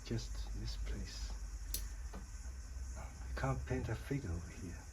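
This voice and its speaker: A man, chatting in simple, halting English while he paints. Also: on the low side, noisy background. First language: Chinese. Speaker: watercolor painter practicing English. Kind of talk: casual chat while painting.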